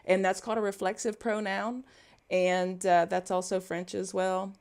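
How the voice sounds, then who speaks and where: During her livestreamed coding tutorial, a developer from Louisiana with a Cajun English accent reads out viewer comments and riffs on them in a chatty way. She talks at a moderate pace in a clear, resonant, slightly mellow medium-pitched voice with little pitch movement.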